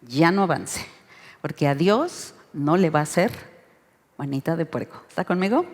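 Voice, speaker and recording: A woman with a Mexican accent leading an interactive Bible study lesson, expressive and urging the group to read along. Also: low voice, normal speed. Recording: reverberant hall sound.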